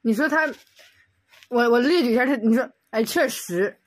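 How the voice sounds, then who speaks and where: Woman commentator, comedic exasperated rant, slightly high voice, dry close sound. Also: dry recording. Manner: exasperated, rapid rhetorical questions. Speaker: video commentator.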